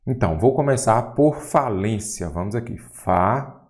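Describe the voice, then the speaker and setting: A man's voice: mid-range voice, a little slow. A man with a Brazilian Portuguese accent teaching a grammar lesson for exam prep, talking straight to the viewer and asking questions as he goes. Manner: didactic, lively, addresses viewer directly with questions.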